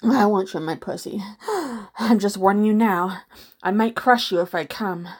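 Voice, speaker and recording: A woman voicing a teasing, domineering superpowered stepmother in an intimate audio roleplay, with a slow, sultry delivery. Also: mid-range voice, fairly even intonation, natural voice.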